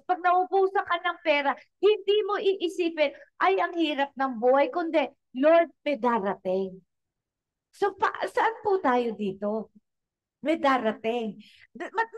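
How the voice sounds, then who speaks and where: A woman's voice: extremely high pitch, fairly bright tone, dull audio. A woman pastor preaching a sermon, talking straight to her congregation and switching between Tagalog and English phrases.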